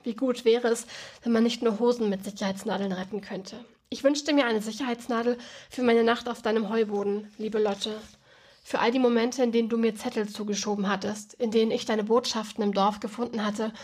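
A woman reading a novel aloud, who also explains the story in a relaxed, casual way with many ums. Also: on the high side, brisk, slightly rough. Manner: relaxed, with many ums when talking freely.

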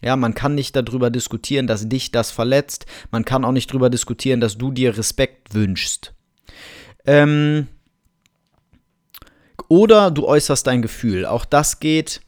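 A man speaks as a relationship coach in a podcast monologue. His delivery is calm and direct, and he often slips into short acted examples of what to say. His voice sits at an ordinary middle pitch. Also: measured pace. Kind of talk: podcast monologue giving advice.

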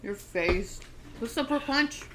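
A young woman vlogging in casual chat, high and giggly, rambling and swearing. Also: lively intonation, slow pace, background noise.

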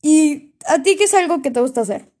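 A woman's voice: high-pitched, expressive, brisk, warm tone. A woman in casual chat who tells stories in a chatty way and often restarts her sentences. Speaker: co-host.

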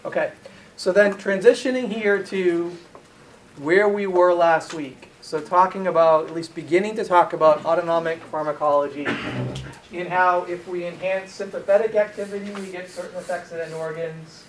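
This pharmacology lecturer has a voice that sits high, with fairly even intonation and a moderate pace, as he questions his class and then gives the answers. He's recorded from afar in an echoey lecture room with faint hiss.

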